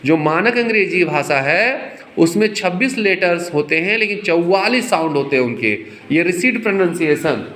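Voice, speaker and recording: High, bright-voiced male teacher. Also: reverberant. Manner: explains slowly, repeats points, quizzes students. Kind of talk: classroom teaching in Hindi and English. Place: classroom.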